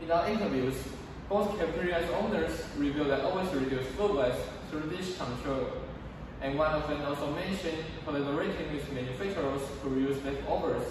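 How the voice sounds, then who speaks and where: A man's voice: a little high, moderate pace. Teen boy, student presenter, reading a script carefully, long hall reverb, distant mic. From Taiwan. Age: teens. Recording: echoey hall from far off, noisy.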